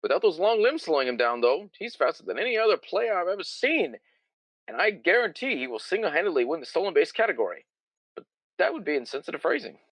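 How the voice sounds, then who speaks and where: A man's voice: on the high side, sing-song, fast, fairly bright tone, no room sound, exaggerated voice, poor audio. A man playing a cheerfully grim backwoods rancher on a comedic 1920s-style radio parody, drawling about grisly events. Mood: matter-of-fact.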